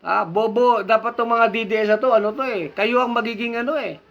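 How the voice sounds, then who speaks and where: A man from the Philippines hosts a livestream, his voice sitting very high for a man and ringing with a bright, sharp edge. He rants with fiery scorn, calls people names and keeps turning to his audience with rhetorical questions as he reads out their comments. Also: fairly even intonation, a little fast, creaky, dull audio. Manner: fiery, scornful and insulting, often rising to indignant emphasis. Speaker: online political commentator and show host.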